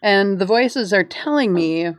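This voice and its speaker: A woman talks slowly at a gaming table in a dry recording. She is casual, a bit hesitant and playful as a player. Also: medium pitch, animated, no echo.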